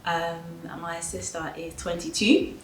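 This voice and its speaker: A woman's voice: lowish voice, little pitch movement, measured pace. A woman in her twenties, a trainee solicitor, giving a chatty, light-hearted documentary interview. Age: 20s. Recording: echoey room with faint noise.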